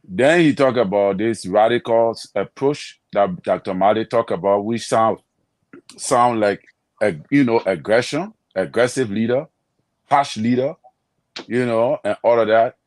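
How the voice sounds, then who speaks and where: A man's voice: on the low side, unhurried, darkish tone, dry recording. A man giving frank, critical political analysis in a conversational way. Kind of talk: panel discussion.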